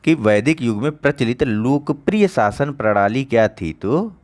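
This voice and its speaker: A man's voice: medium pitch, lively intonation, moderate pace, darkish tone. A man teaching an online exam-prep lecture, talking conversationally, repeating key answers and checking in with his students.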